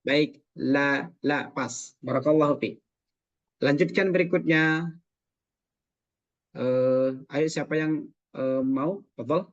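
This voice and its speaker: A man teaching recitation over a video call, his voice a little higher than most men's. He corrects patiently and sounds out syllables slowly. The call audio is slightly muffled. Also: no echo. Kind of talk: online recitation class coaching.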